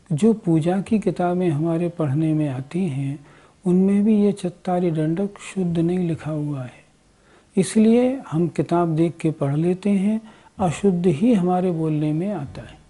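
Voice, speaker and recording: A woman teaching the correct recitation of a prayer, chanting each line slowly and explaining its meaning with careful pronunciation. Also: fairly low pitch, mellow, slightly rough. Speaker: religious teacher. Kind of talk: slow devotional recitation and explanation.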